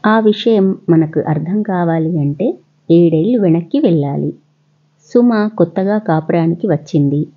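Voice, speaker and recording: Husky woman telling a children's story. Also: lowish voice, a little slow. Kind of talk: scripted narration of a children's story. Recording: dull lo-fi recording.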